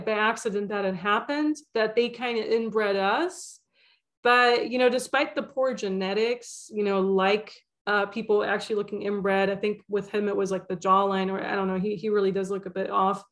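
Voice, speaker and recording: A woman's voice: medium pitch, fairly even intonation, moderate pace, a bit bright. A young woman hosting a spiritual channel, talking alone in a loose, rambling way with lots of fillers and restarts. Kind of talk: casual monologue.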